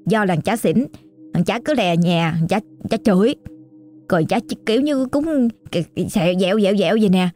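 Southern Vietnamese woman storyteller, chatty and exclamatory, warm tone, faint music bed. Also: medium pitch. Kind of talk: casual oral storytelling.

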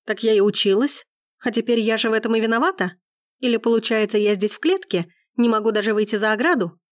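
A woman's voice: medium pitch, animated, brisk, dry recording, clean studio sound, natural voice. A woman reading an audiobook, voicing an enraged young woman who hurls angry accusations. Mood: furious. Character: furious young woman in period romance.

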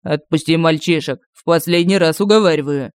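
A woman voicing Koshchei, a commanding, sly immortal sorcerer who barks his words in a low voice, in an audiobook. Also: a little fast, clear, resonant tone, dry recording, natural voice. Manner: barking, low and forceful.

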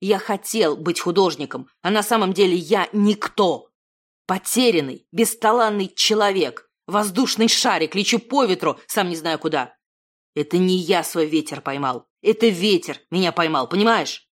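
A woman's voice: on the low side, normal speed, lightly acted. A woman voicing a self-deprecating thirty-year-old man, a failed artist who talks himself down. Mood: heated. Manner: self-deprecating, fumbling, then heated.

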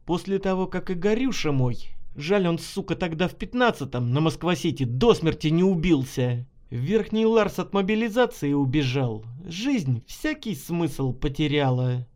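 A weary forty-year-old woman volunteer, as a male narrator puts her on, speaking in a low, flat and bitter voice. This is audiobook storytelling. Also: normal speed, few pauses.

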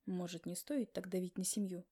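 A woman voicing a calm, steady brother in an audiobook, speaking in a measured, soothing way. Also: lowish voice, breathy edge, voice pushed down.

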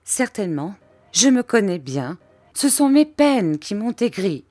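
A woman's voice: medium pitch, big pitch swings, unhurried, a little mellow, dry recording, voice pushed up. A woman voicing a gloomy, self-pitying old widow who whines and complains tearfully. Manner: plaintive, whining.

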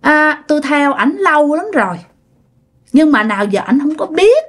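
A Southern Vietnamese woman voicing a lonely female ghost who speaks through a possessed man in a shrill, girlish voice. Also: expressive, moderate pace. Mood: coy.

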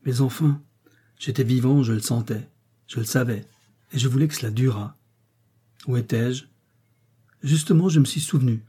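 A rough survivor just pulled from the rubble, as a man reading aloud plays him, recounting his ordeal in gasping bursts. The voice is dark and husky. He comes from an adventure audiobook. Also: mid-range voice, normal speed, pauses often, lightly acted. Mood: shaken. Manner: breathless, tumbling account in gasps. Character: shaken man dug out alive from a landslide.

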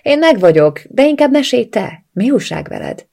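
A reader voicing a hesitant, evasive male family friend in an audiobook, speaking a little louder than the narration. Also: very high-pitched, sing-song, vocal fry, pitched above the performer's own voice, heavily acted.

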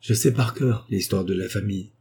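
A man's voice: lowish voice, normal speed, a little mellow, slight background noise, natural voice. A man doing a courtly old baron. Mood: exasperated. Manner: courteous, patient. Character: weary old aristocratic baron.

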